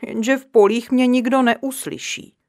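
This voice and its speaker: A woman voicing a boastful, stubborn little male dwarf in a storybook reading, loud and quick to take offense. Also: fairly high pitch, steady tone, voice pushed up, lightly acted. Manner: loud, indignant, bragging.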